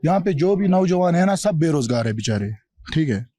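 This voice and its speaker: A man's voice: a little high, expressive, fairly quick, warm tone, no echo, clean studio sound. A man from Kashmir answering a street interview bluntly and defiantly. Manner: blunt, defiant, repeats himself. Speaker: local resident.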